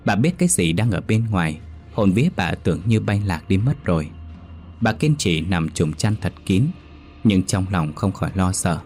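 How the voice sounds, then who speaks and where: A man narrating a ghost story in a slow, measured storytelling voice. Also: deep voice, expressive, darkish tone, faint music behind. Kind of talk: scripted horror story narration.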